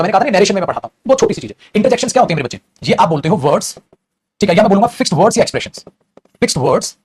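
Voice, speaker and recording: A man's voice: high-pitched, a little mellow, breathy edge. A male teacher giving a classroom grammar lesson, drilling and repeating points and calling his students "beta". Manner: addresses students as beta, repeats and drills, switches between languages. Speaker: English teacher.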